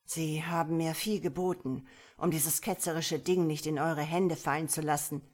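A bribed male soldier, cornered and desperate, read by a woman in an audiobook. The voice is tense and pleading, pushed a little louder. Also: low voice, fairly even intonation, moderate pace. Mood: grim.

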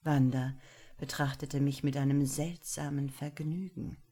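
A woman narrating a literary audiobook in a slow, hushed, intimate delivery. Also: rumbling low, steady tone, husky.

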